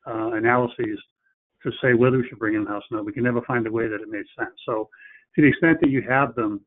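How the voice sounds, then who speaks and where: A man presenting in a webinar, talking in a plain, practical way and often restarting his phrases. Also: mid-range voice. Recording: phone-like webinar audio.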